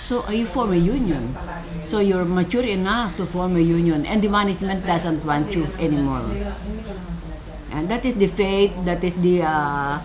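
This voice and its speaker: A Filipino woman in her seventies, a labor organizer answering interview questions in English with a Filipino accent, pausing often with fillers and repeated words. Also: lowish voice. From Philippines. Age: 70s. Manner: halting, many fillers and repeats. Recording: crowd noise behind.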